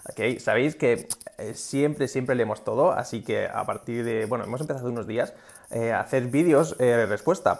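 A man's voice: medium pitch, vocal fry. A man giving a casual video lesson on English pronunciation, explaining with many fillers and modelling English words. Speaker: English teacher.

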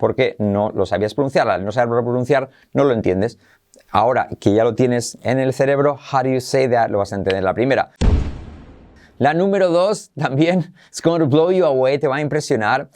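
Energetic man teaching English. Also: medium pitch. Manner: energetic, repeats phrases slowly for learners to copy. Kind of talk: online English pronunciation lesson.

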